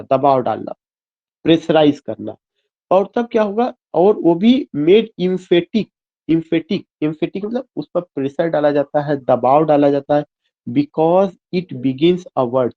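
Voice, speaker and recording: A male teacher gives an online lecture in a slightly high voice. He spells terms out letter by letter and keeps asking the class questions he then answers himself. The sound is dull and lo-fi, like a web class. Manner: mixes Hindi and English, spells words out letter by letter.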